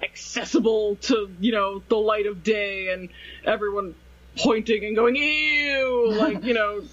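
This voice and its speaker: A man's voice: high-pitched, little pitch movement, a little slow. A man co-hosting a podcast in casual chat, rambling and sarcastic. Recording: slightly dull lo-fi recording.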